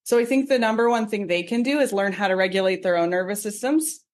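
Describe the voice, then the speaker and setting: A woman in her forties, a psychotherapist guest, explaining in a chatty, animated way and laughing often. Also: fast talker. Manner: animated, acts out quoted voices with big pitch jumps. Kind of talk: casual expert explanation in a podcast interview.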